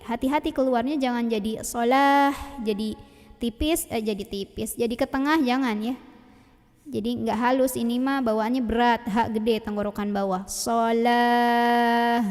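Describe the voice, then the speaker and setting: Woman, high voice, patient recitation teacher, repeats each sound slowly, long echoing reverb. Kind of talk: tajwid pronunciation lesson.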